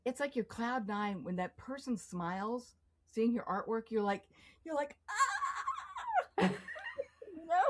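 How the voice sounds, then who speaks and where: A woman's voice: a little high, normal speed, noisy background. A middle-aged woman as an interview guest, telling stories in casual talk, acting out quotes and laughing often. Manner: animated storyteller, acts out quotes, laughs often. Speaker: guest artist.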